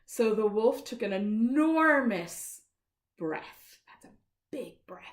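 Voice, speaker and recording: A woman reads a children's story aloud, stopping to ask the children questions. Her voice is fairly high and swings up and down. The sound rings in an echoey room. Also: takes it slowly. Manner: animated, asks children questions. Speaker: storytime reader.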